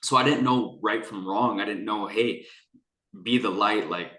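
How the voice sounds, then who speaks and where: A lower-voiced young man with a bright edge tells his life story in a rambling, earnest way, circling back and restarting often. The room around him is echoey and hollow. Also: unhurried. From Canada. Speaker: guest. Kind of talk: candid personal conversation.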